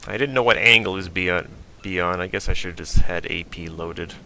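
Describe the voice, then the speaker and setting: A man giving relaxed, casual commentary over a game replay, thinking aloud with fillers. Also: low voice, a little fast, creaky, slight background noise. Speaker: gaming video host.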